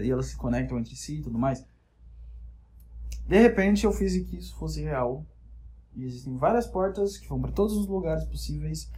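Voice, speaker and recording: A man talking alone on his podcast in a loose, rambling monologue. His voice sits fairly high, and he keeps breaking off his own sentences to land a joke. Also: a little mellow. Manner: rambling, jokey, self-interrupting. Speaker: podcast host. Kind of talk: casual solo podcast monologue.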